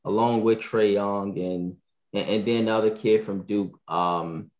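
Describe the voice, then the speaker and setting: A man hosting a morning sports talk podcast in casual chat, animated and often repeating himself. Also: fairly low pitch, measured pace. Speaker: podcast host.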